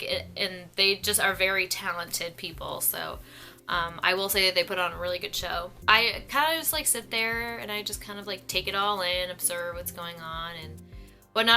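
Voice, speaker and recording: A young woman talks casually to camera from home, rambling and self-deprecating. Her voice is bright and clear, and faint music plays quietly behind her. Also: fairly low pitch. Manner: rambling, self-deprecating, lots of fillers and laughs. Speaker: vlogger.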